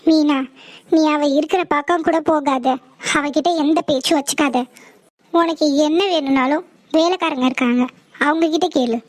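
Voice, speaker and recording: Woman voicing a bitter scolding mother-in-law in a cartoon, high voice, dry close sound. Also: moderate pace, dry recording, close to an everyday voice. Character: stern scheming older mother-in-law. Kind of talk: cartoon voice acting.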